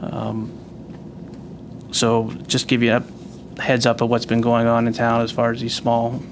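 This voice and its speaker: A man giving a spoken report as an agent at a public meeting, with frequent pauses mid-phrase. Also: medium pitch, completely flat delivery. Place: municipal agency meeting. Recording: faint background noise, meeting room.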